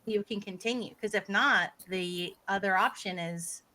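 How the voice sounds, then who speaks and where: A woman co-hosting a business podcast, lively and quick to back up her guest with "yeah". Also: medium pitch, a crowd in the background. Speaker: podcast co-host. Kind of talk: casual podcast chat.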